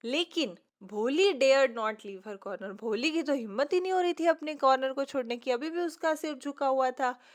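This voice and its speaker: A woman teacher explaining an English story line by line, reading each line slowly and then explaining it in Hindi. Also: high voice.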